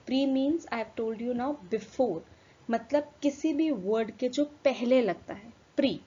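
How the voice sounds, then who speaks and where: Slow-spoken woman teacher spelling out words. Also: fairly high pitch, a little mellow. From India. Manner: explains in Hindi-English mix, spells words out letter by letter; slows right down for English definitions. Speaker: English teacher. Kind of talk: recorded classroom lesson. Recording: dull lo-fi recording with faint room noise.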